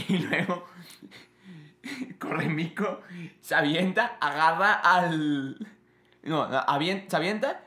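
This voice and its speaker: Joven mexicano, voz brillante, sala con eco. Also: male voice, fairly high pitch, takes it slowly, long pauses, reverberant. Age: young adult. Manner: animated storyteller, acts out voices and film scenes. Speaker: podcast co-host. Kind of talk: casual chat.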